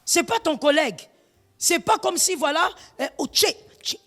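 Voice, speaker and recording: In a large hall, a woman pastor gives an emphatic sermon, weaving Lingala phrases among her rhetorical questions and shouting at the high points. She speaks at a normal speed with lively intonation.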